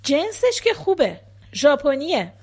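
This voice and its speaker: A woman's voice: high-pitched, huge pitch swings, pitched above the performer's own voice. A woman voicing a chatty, teasing woman tailor in an audiobook story, playful and gossipy.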